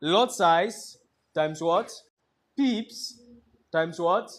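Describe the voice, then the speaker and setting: A man with a notably high voice leads a trading lesson in a classroom. He lectures and keeps throwing half-finished questions at the students for them to complete. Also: very slow. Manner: quizzing the class with fill-in-the-blank questions. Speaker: trading instructor.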